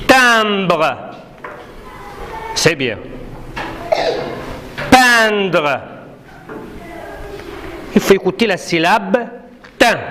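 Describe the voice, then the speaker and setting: With a fairly low, somewhat bright voice, a Moroccan woman teaches a classroom reading lesson, patiently drilling syllables and correcting her young pupils as a primary school teacher. A little background noise is present.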